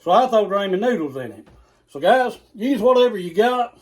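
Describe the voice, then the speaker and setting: A man's voice: sits high, lively intonation, moderate pace. A man hosting a casual cooking video in a home kitchen, folksy and chatty, talking straight to his viewers. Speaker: cooking channel host.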